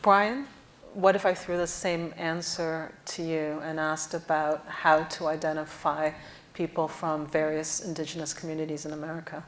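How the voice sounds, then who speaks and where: A woman moderating a stage panel, measured as she reads out terms and poses questions into a lapel mic. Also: low voice, level tone. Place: auditorium stage.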